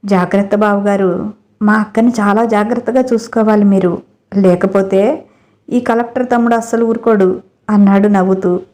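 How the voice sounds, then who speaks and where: A woman's voice: medium pitch, steady tone, moderate pace, dark tone, close to an everyday voice. A woman voicing a grateful young man raised in an orphanage, speaking earnestly and from the heart. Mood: teasing.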